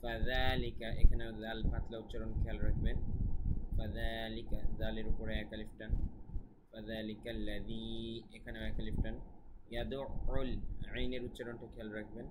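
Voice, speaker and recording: A male recitation teacher who chants verses high and slow, then explains pronunciation and repeats words to correct them. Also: monotone, very noisy. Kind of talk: recitation lesson.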